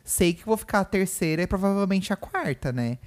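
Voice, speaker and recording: Co-apresentador brasileiro, conversa casual, narração emocionada, quarto de hospital. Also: male voice, high voice, lively intonation, fairly quick, darkish tone. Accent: Brazilian Portuguese. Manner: chatty, emotional storytelling full of "né" and "gente". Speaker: podcast co-host. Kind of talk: casual podcast chat. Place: hospital room.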